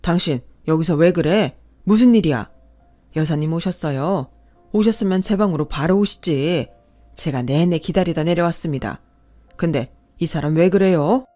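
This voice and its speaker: Woman doing a male company boss, middle-aged, composed, formal, lowered voice. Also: moderate pace, dark tone, soft background music, natural voice. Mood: firm.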